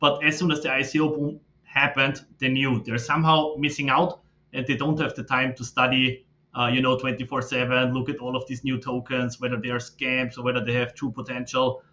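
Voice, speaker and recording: A man, a podcast guest who explains his background in a steady, filler-laden way. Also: medium pitch, brisk. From Austria. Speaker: guest, fund manager. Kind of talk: casual interview talk. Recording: slightly dull lo-fi audio.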